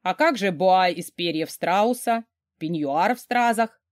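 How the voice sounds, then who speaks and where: Narrated by a woman, an overbearing wealthy giant of a man who barks orders and teases mercilessly. His lines bounce with lively pitch swings. The sound is dry and close. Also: a little slow, no room sound. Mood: mocking. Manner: gruff, barking, mocking orders.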